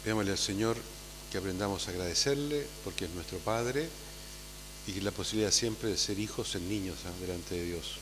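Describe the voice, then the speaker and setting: A man, a priest giving a conversational homily at Mass, often tagging his sentences with a questioning "ah?" and calling loudly when he gathers the children. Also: sits low, fairly quick. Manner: conversational, tags phrases with "¿ah?". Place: church. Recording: long church reverb with faint hum.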